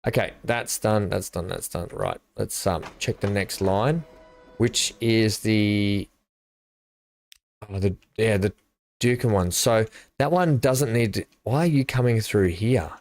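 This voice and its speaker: A man's voice: lowish voice, slow pace, darkish tone. A middle-aged man, chatting and thinking aloud while he streams a building game live. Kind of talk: live gameplay commentary.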